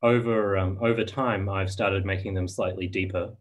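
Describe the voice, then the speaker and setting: A man demonstrating spoon carving on a video call, talking in a soft, hesitant way with frequent ums and restarts. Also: low voice, steady tone, normal speed, low-quality recording. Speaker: spoon carver giving a demo. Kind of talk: casual video-call discussion.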